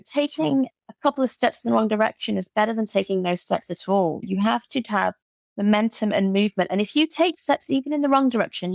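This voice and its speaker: In a creaky, mid-range voice free of echo, a British woman talks about her work as a burnout recovery coach. As a guest in an easygoing interview, she's enthusiastic and tends to repeat words to underline her points.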